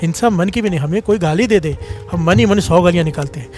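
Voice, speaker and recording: A man with a high voice preaches a devotional sermon, telling a story and lifting into half-sung lines. His pitch climbs when he gets moved. Soft music plays faintly behind him. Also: fast. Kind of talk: devotional sermon with call-and-response.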